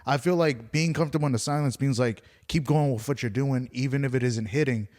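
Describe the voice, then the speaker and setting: A man's voice: medium pitch, brisk, a little mellow. A man hosting a podcast, chatting casually and reflectively with a guest. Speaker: podcast host. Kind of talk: casual chat.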